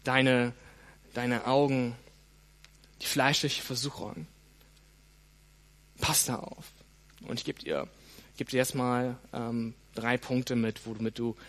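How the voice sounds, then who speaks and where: A man preaching a sermon, speaking straight to his listeners with frequent "hey" and "ne?", with a lively, varied delivery. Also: medium pitch.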